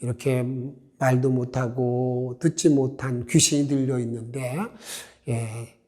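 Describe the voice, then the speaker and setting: A man's voice: mid-range voice, level tone, a little slow, dark tone, lightly acted. Preacher man playing a desperate father, humble and begging, retold in a sermon. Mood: pleading. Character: desperate pleading father of a sick boy.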